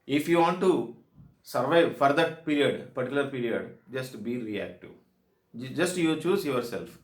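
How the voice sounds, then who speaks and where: A man with a South Indian accent giving an instructional presentation as a soft skills trainer, speaking emphatically in short, repeated declarative phrases. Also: medium pitch, expressive, measured pace. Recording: echoey room sound.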